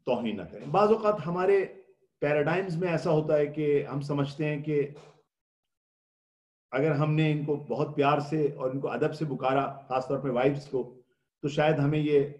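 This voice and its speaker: Higher-voiced man giving a religious lecture. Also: a little mellow, reverberant. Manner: explanatory, asks rhetorical questions and answers them; mixes English words into speech. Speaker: religious scholar giving a Ramadan talk.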